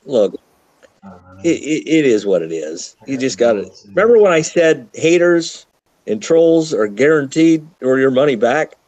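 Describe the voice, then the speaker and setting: Male co-host, emphatic folksy talker, lively swinging pitch, dry close mic. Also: measured pace, dry recording, rough recording. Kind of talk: casual live stream chat.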